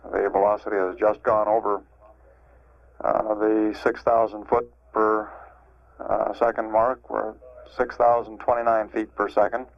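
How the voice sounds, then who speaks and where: A man giving live spaceflight status commentary as a mission control announcer, formal and halting, over an archival radio feed. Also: on the low side, flat delivery, creaky. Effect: archival broadcast radio sound. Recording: dull, band-limited archival radio feed.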